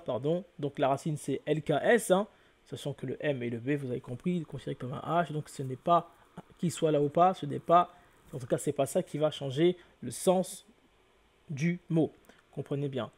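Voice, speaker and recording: A man's voice: a little high, a little mellow. A man giving an explanatory lecture to viewers, spelling out letters one by one and often correcting himself. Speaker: lecturer on word origins.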